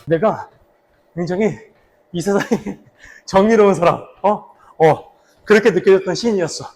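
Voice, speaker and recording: A man with a slightly husky voice casually reminiscing for a vlog while out slow running. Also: sits high, darkish tone, soft background music. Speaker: actor, vlog host. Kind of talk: casual vlog reminiscing about a past drama role.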